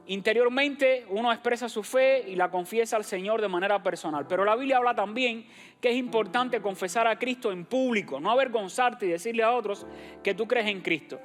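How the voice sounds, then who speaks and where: A man from Cuba, a pastor giving church announcements and direct, encouraging appeals to his congregation. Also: high-pitched. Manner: direct and encouraging, addresses the congregation as brothers and sisters. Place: church sanctuary.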